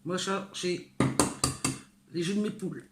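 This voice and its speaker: A woman's voice: on the low side, unhurried, heavy background noise. Chatty older woman cooking in an echoey kitchen. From northern France. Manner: chatty and homely, hesitant with many fillers, talks straight to the viewer. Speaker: home cook. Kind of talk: casual cooking tutorial. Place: home kitchen. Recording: echoey kitchen with clattering dishes. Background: clinking cutlery, pots and dishes.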